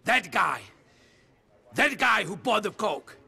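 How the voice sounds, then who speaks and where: A gravelly volatile mob boss. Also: male voice, high voice, sing-song, slow, sharp tone, full character voice. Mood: suspicious. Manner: barking, threatening, sneering. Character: volatile paranoid male mob boss, menacing. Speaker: crime boss. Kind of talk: video game cutscene acting.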